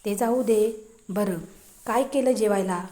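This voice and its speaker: A woman's voice: medium pitch, measured pace, mellow, lightly acted. Woman playing a teasing young man. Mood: exasperated.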